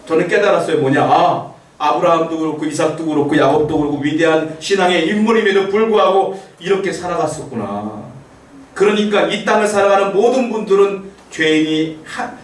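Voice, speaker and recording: A man's voice: sits high, reverberant, distant mic, low-quality recording. A male pastor preaching a sermon in a conversational way, asking the congregation rhetorical questions and acting out the quotes he tells.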